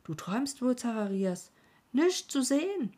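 A woman voicing an eager, excitable young man who exclaims and asks questions. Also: fairly low pitch, normal speed, husky. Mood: excited.

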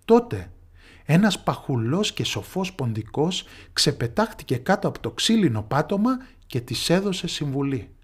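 A man's voice: on the high side, breathy edge. Man narrating a folk tale. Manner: lively expressive storytelling. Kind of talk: scripted storytelling narration.

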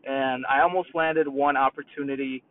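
A man's voice: medium pitch, steady tone, moderate pace, far from the mic, a little hiss or hum. A young man with a New York accent tells his own story in a loose, rambling way, looping back to fix his words as he goes. He sits well back from the mic, and the sound comes through thin and tinny, as if over a phone line. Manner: rambling, self-correcting with many restarts. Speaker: YouTube creator. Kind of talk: casual personal storytelling to camera.

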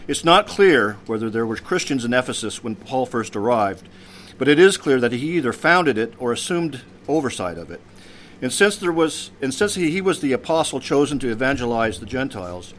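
A priest giving a measured sermon, his voice dropping at the end of phrases. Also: medium pitch, a bit bright, slight background noise. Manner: measured preaching with pauses, voice drops at phrase ends.

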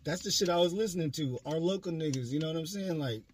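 A man's voice: fairly high pitch, fast, slight background noise. A middle-aged man hosting a casual podcast interview, asking questions in laid-back street slang. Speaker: podcast host.

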